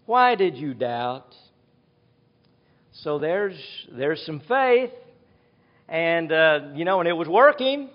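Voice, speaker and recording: A preacher with a high voice gives an expository sermon, earnest and reflective, as he recounts scripture scenes. He stands in a church in front of a screen, and the sound quality is lo-fi.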